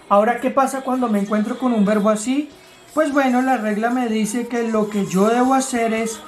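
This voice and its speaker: Her voice sits on the high side with a darkish tone. This English teacher walks her class through grammar rules one step at a time, patiently, and puts questions to her students.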